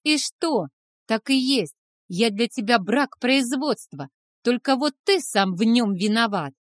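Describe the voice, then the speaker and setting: A bitter, tearful teenage boy hurls accusations at full volume, performed by a woman reading a novel aloud. The voice sits high and loud, raw with resentment. The recording is dry and close. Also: expressive, unhurried, no room sound. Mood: angry shouting. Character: angry tearful teenage boy, half-blood dragon son.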